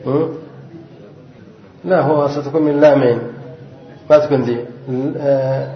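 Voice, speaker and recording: A man's voice: mid-range voice, fairly even intonation, normal speed. A man teaching Arabic grammar to a class, reading from a text and explaining it, often asking the students questions and answering them himself. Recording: roomy, muffled lo-fi recording.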